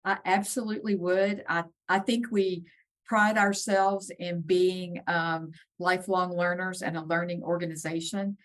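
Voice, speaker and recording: A woman with a somewhat low voice answers interview questions earnestly. She talks through her points with frequent ums and small restarts. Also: level tone, measured pace. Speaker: guest, nursing executive. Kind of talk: podcast interview.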